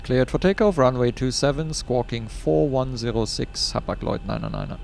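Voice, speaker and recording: A man reading back air traffic clearances as a pilot into a headset microphone, in clipped radio phraseology. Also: mid-range voice, moderate pace, a little mellow. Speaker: flight sim pilot.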